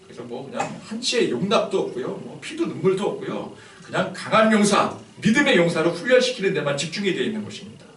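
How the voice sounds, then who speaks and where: Male pastor, casual chatty sermon, lively pitch, roomy hall, mic at a distance. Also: fast talker, hardly any pauses. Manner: animated and conversational, with many fillers.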